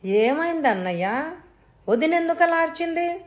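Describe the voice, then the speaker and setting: A woman's voice: extremely high pitch, expressive, moderate pace, pitched above the performer's own voice. A woman voicing a protective young man who calls out in alarm. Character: young man, protective brother-in-law, jumpy.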